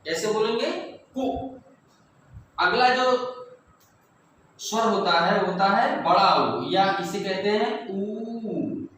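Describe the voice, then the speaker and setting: A man teaching young children, speaking slowly and deliberately and repeating each sound for the pupils. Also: high voice, lively intonation, fairly bright tone. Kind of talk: classroom lesson for children. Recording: echoey room, mic far off, faint noise.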